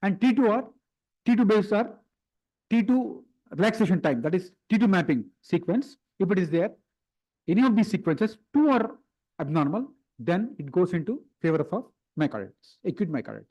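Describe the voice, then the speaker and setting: Guy with a high voice lecturing at a medical conference, repeats himself, restarts a lot. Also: lively intonation, a little fast, a little mellow, rough recording. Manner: explanatory, repeats key phrases, frequent restarts.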